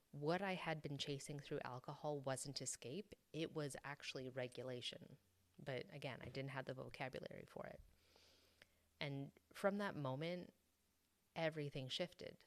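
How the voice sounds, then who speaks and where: A woman hosting a solo podcast, calmly explaining and talking about her own sobriety. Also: low-pitched. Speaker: podcast host.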